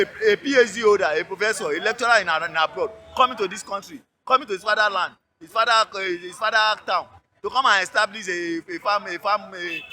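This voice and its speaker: Halting Nigerian man, very bright high voice. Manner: halting, restarts and repeats words. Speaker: interviewee. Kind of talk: roadside street interview. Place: outdoors by a road.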